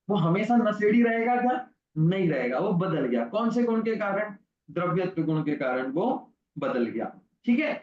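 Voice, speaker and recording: A man's voice: sits high, roomy sound, muffled recording. A man teaching a religious lesson to children, telling a story and asking questions he answers himself. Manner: asks the class questions and answers them himself. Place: online class recording.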